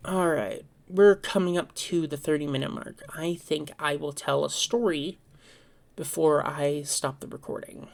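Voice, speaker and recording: A woman with a fairly low voice chats on her own in a casual vlog. She rambles and goes off on tangents, corrects herself mid-sentence, and swears now and then. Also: measured pace, creaky. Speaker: vlogger. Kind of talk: casual solo chat and storytelling.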